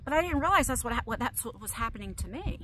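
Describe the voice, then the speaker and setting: A middle-aged woman speaks in a confessional vlog with a high, bright, sharp-edged voice. She talks in an emotional, rambling way, often restarting her sentences as she paces. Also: big pitch swings, fast, a little hiss or hum. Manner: pacing while talking. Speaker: vlogger.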